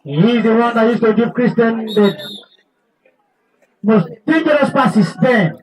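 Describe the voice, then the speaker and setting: A man with a Nigerian accent giving live commentary at a youth football match, announcing slowly and deliberately. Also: extremely high pitch, lively intonation, distant mic, rough recording.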